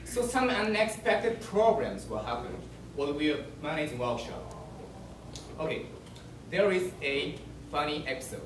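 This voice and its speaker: Animated young Japanese man presenting. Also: a little high, moderate pace. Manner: animated, laughing storyteller. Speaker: student presenter. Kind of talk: project presentation. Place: presentation room. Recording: echoey room, distant mic, noisy.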